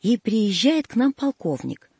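Husky high-voiced male audiobook reader. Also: big pitch swings, measured pace, darkish tone, dry recording. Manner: folksy, plaintive storytelling. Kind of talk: first-person folk tale narration.

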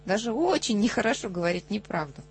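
A woman reading a children's story aloud with animated expression, acting out the dialogue. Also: mid-range voice, fast talker, a little hiss or hum.

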